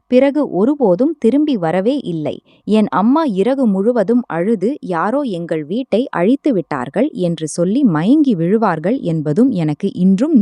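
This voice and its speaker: A woman reads a scripted first-person story with a suspenseful, dramatic delivery. Her pitch moves animatedly while her tone stays warm and dark. The recording is dry and close. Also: dry recording.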